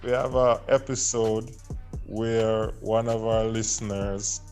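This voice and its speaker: A man hosting a casual podcast, introducing a guest with playful, drawn-out grand titles. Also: fairly low pitch, steady tone, over music. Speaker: podcast host.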